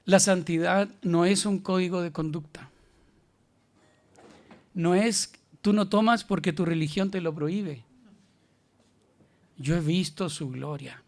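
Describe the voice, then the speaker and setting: A man's voice: high voice, takes it slowly, pauses often. A male pastor with a Chilean accent, preaching an emphatic, colloquial sermon. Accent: Chilean Spanish.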